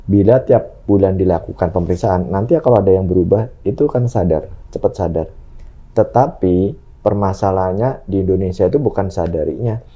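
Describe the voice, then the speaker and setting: Seorang dokter laki-laki yang menjelaskan pemeriksaan kesehatan dengan tenang dan sesekali ragu. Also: male voice, sits low, a little fast, slightly rough, dull audio. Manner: calm, explanatory, with hesitations. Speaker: doctor. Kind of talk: medical explanation.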